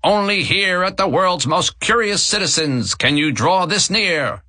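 A man's voice: expressive, a little slow, sharp tone, no room sound, heavily acted. A man doing a brash, tinny carnival barker. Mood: dramatic. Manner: showy, booming sales patter. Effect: tinny, as through a megaphone.

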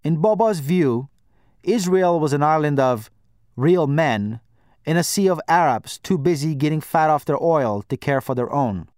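A man narrating a first-person audiobook in a measured, wry storytelling manner. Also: fairly high pitch, expressive, a little mellow, no echo, clean studio sound.

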